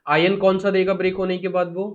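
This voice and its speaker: A man's voice: high voice, completely flat delivery, a little fast, dull audio. A male chemistry teacher giving a live class lecture, quizzing students and repeating the key answers, with English terms mixed into his speech.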